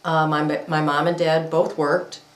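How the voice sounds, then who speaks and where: A woman's voice: low-pitched, flat delivery, a little slow. A woman in her fifties from upstate New York, plainly recalling her family and schooling in an interview. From upstate New York, USA. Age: 50s. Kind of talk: reminiscing interview. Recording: echoey room.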